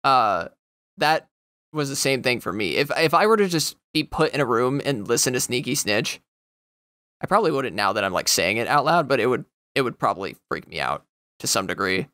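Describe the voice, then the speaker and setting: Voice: medium pitch, big pitch swings, a little fast, dry recording, clean studio sound. A young adult podcast co-host chatting casually, rambling and swearing often. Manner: rambling, swears a lot, breaks into loud goofy impressions. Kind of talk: casual chat.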